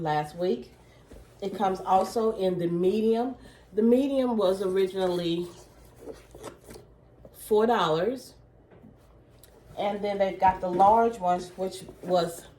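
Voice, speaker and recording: A woman's voice: mid-range voice, darkish tone, a little hiss or hum. Chatty woman, echoey room. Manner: chatty, many fillers, says "okay?" to viewers. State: losing her voice, clearing throat. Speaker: vlogger, small gift business owner. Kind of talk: casual product show-and-tell.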